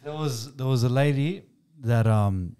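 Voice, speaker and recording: A man chatting casually and telling jokes with a halting, conversational delivery. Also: mid-range voice, a crowd in the background. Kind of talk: casual chat and joke telling.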